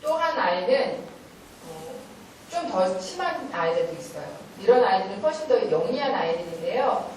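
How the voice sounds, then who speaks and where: A middle-aged woman with a medium-pitched voice gives a lively, lecture-style talk at a moderate pace at a church parenting meeting. She tells animated stories, acts out stern scolding in quoted lines, and laughs often. The hall is echoey and her voice sounds far off.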